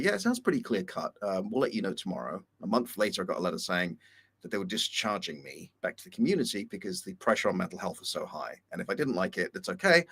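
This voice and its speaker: Low gravelly man chatting candidly. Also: fairly bright tone. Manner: candid, rambling, self-deprecating. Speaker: co-host. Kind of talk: casual chat.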